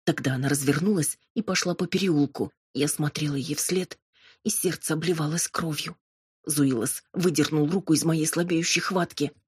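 Steady woman audiobook narrator, low and husky, dry recording. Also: normal speed, dry recording. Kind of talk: scripted first-person narration.

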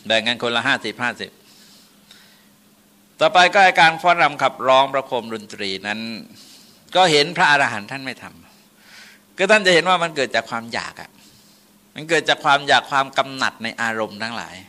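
Older monk preacher, folksy dharma talk, bright tone, chants verses. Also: male voice, medium pitch, expressive, moderate pace, pauses often. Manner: folksy, laughing asides, chanting Pali verses. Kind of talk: dharma sermon.

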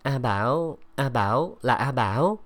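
A man's voice: mid-range voice, lively intonation, measured pace, a bit bright, dry recording. A man voicing a timid, tearful young female disciple who speaks meekly in a small voice. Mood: flustered.

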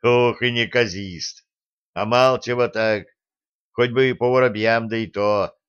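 A man voicing a hot-tempered medieval prince who mocks and commands loudly. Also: mid-range voice, fairly even intonation, a little slow, clear, resonant tone, close to an everyday voice. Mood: mocking. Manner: loud, mocking, domineering. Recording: dull lo-fi sound.

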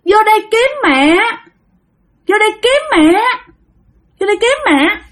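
A woman's voice: extremely high pitch, lively intonation, a little slow, pitched above the performer's own voice. Woman doing a cold, pleading child ghost. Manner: pleading, repetitive. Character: ghost of a miscarried baby, cold and longing for mom.

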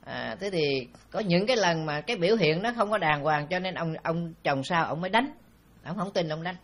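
A man, a Buddhist monk with a Southern Vietnamese accent, tells a story in a dharma talk in a relaxed, anecdotal way with frequent filler sounds. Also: fairly high pitch, normal speed.

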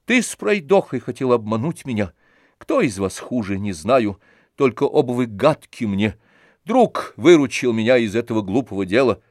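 A man reading an audiobook, voicing a weary, aloof gentleman who answers coldly and curtly. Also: mid-range voice, sing-song, moderate pace, no room sound, clean studio sound. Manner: cold, curt, detached.

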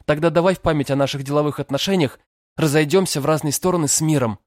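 A man's voice: medium pitch, animated, fairly quick, husky, no echo, clean studio sound, voice pushed up. A man voicing a flustered, bossy young woman student who hisses orders and pleads. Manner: hissing, indignant, pleading.

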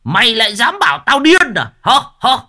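A man's voice: very high-pitched, huge pitch swings, normal speed, pushed and bright, pitched above the performer's own voice, heavily acted. A man voicing a deranged old man who screams abuse at his wife in a ghost story. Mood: raging. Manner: screaming, abusive.

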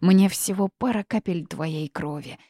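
A woman's voice: fairly low pitch, unhurried, warm tone, no room sound, studio quality. A woman voicing an old, bitter, half-mad female witch who cackles and wails in an audiobook. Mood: unhinged. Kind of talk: audiobook character reading.

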